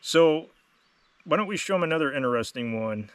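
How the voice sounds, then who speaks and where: A man's voice: fairly high pitch, lively intonation, fairly quick, no room sound, recorded from a distance. A man giving a casual, plain-spoken instructional product demonstration as host. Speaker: host demonstrating duck calls.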